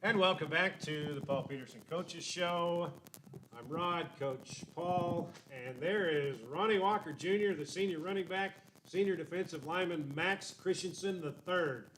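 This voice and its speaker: Higher-voiced male sports host, noisy recording. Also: normal speed. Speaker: sports talk show host. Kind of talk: casual interviewing. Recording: clear background noise, clicks.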